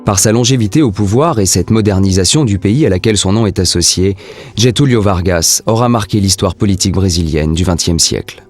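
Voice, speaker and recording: Low-voiced male documentary narrator. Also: brisk, soft background music. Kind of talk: scripted narration.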